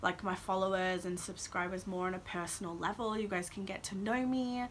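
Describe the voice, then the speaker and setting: A woman's voice: mid-range voice, fairly even intonation, fairly quick, a little hiss or hum. A woman, chatting casually and ramblingly to camera as a vlogger, saying "like" often. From Wales and Australia. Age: 20s. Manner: rambling, informal, heavy use of "like".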